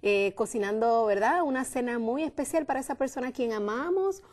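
A woman in her thirties hosting a TV cooking show from a studio kitchen, upbeat and quick to echo her guest. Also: fairly high pitch. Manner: bright, affirming echoes of her guest. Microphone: lapel mic.

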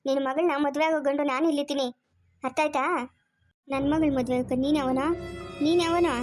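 A woman voicing a scheming, greedy middle-aged father in a cartoon, rough and taunting. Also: high-pitched, fairly even intonation, fast talker, darkish tone, faint music behind, natural voice. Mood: bullying. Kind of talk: cartoon voice acting.

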